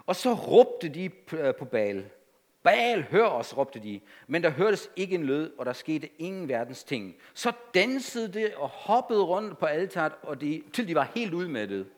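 A man preaching a sermon to a congregation, emphatic and animated, with conversational asides. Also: a little high, few pauses.

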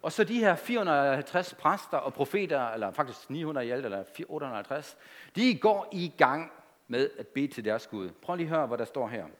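A man preaching a sermon to a congregation, emphatic and animated, with conversational asides. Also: a little high.

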